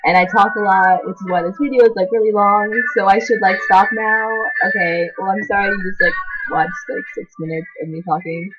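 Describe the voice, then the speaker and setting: Half Chilean and half American, with Spanish as her first language, a teenage co-host introduces herself in a casual to-camera vlog, rambling chattily and saying "like" constantly. Her medium-pitched voice is steady and a little fast, heard over loud music with the highs cut off.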